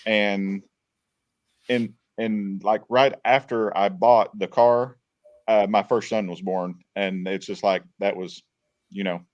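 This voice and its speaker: A man's voice: on the low side, fairly even intonation, takes it slowly, no echo, muffled recording. A man guest on a podcast, telling long casual stories, repeating words and retelling what people said. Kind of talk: casual storytelling.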